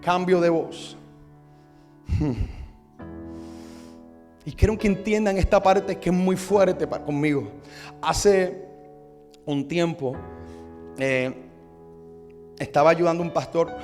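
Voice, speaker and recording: A man preaches a sermon in a church, his voice pitched high for a man. He keeps throwing rhetorical questions at the congregation. Soft instrumental music plays faintly behind him. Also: takes it slowly, long pauses. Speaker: pastor.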